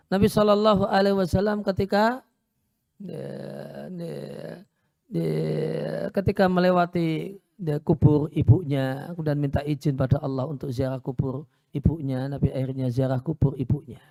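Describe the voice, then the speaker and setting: Male preacher, warm storytelling delivery, dry recording. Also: on the high side, fairly even intonation, moderate pace, creaky, no room sound. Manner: storytelling, repeats phrases for emphasis. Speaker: Islamic preacher. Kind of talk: sermon lecture. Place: Islamic boarding school.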